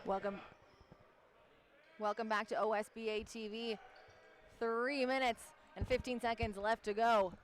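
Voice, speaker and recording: A man with a high, fairly flat voice calls basketball play-by-play from a gym broadcast booth. He rattles off passes, names and the shot clock in a brisk, steady delivery. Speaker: play-by-play commentator.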